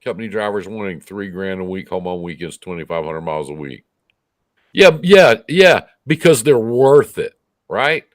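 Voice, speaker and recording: A man's voice: on the low side, expressive, moderate pace, no room sound, clean studio sound. A man co-hosting casual trucker talk in a blunt, sarcastic way, swearing freely.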